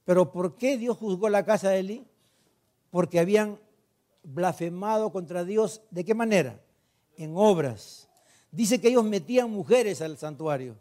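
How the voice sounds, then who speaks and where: High-voiced man preaching a sermon. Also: measured pace. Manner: asks the congregation questions and answers them himself; retells scripture with emphatic, animated delivery. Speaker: pastor.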